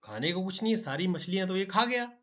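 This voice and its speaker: A man's voice: high voice, animated, fairly quick, fairly bright tone. A man teaching a primary-school textbook story, reading it aloud and explaining punctuation with homely asides.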